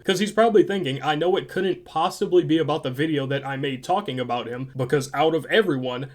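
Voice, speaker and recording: A man giving blunt, critical, opinionated commentary as the host of a drama video. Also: a little high.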